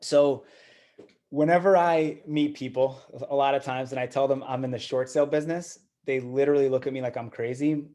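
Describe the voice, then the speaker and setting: A brisk, warm male voice at medium pitch, with fairly even intonation, carries this guest talk to a room of investors. He keeps it conversational, often repeating himself and leaning on fillers like "you know."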